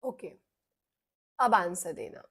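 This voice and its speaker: A young woman with an Indian accent teaching English vocabulary in a live online class for children, explaining slowly and patiently while she mixes Hindi and English. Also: fairly low pitch, expressive, fairly bright tone, breathy edge.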